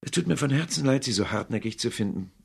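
A man voicing an earnest, warm-hearted young man who pleads with his uncle in a storybook reading. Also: mid-range voice, animated, fast, gravelly, slightly rough, voice pushed up.

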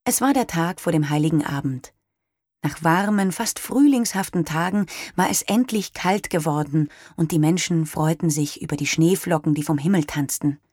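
A woman reading a children's Christmas story aloud in a calm, measured way. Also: sits low, no room sound, clean studio sound. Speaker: narrator.

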